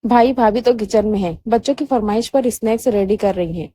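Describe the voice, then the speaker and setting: A woman's voice: medium pitch, dark tone, voice pushed down, close to an everyday voice. A woman reading the lines of a helpful young sister-in-law in a romantic novel. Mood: cheerful.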